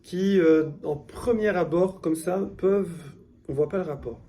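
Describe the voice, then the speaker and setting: A man leads a classroom lesson, walking his students through each point patiently. His voice sits a little high yet stays warm and soft-edged. He keeps checking in with the room through quick questions. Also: slight background noise. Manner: patient, explains step by step and quizzes the class. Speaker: Hebrew teacher.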